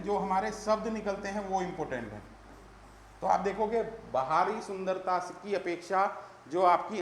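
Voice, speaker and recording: A man's voice: high voice, roomy sound, slight background noise. A male teacher giving an exam-prep lecture, calling his students "beta" and repeating the key terms.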